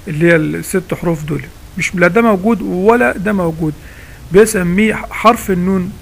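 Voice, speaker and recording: A man's voice: high voice, vocal fry, a bit bright. A man with an Egyptian accent teaching a recitation lesson in a casual spoken style. He asks himself questions and then answers them step by step. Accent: Egyptian Arabic.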